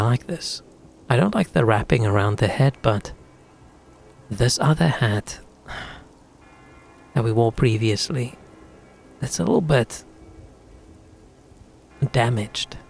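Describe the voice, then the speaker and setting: A man's voice: medium pitch, creaky, a little mellow. A man streaming a video game, chatting casually and thinking aloud as he plays. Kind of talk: casual gaming commentary.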